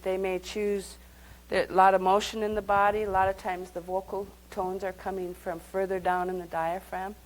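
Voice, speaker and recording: A woman's voice: medium pitch, flat delivery, moderate pace, few pauses, rough recording. A woman leading a live workshop, speaking conversationally and guiding the group through exercises. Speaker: workshop teacher.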